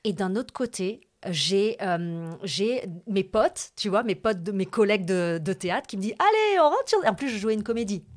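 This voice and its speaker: A woman's voice: medium pitch, normal speed, few pauses. A young woman from the French Alps, a guest telling a personal story in casual, emotional chat, with many fillers and asides. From France, Hautes-Alpes. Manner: chatty and lively, with many fillers and asides to the host.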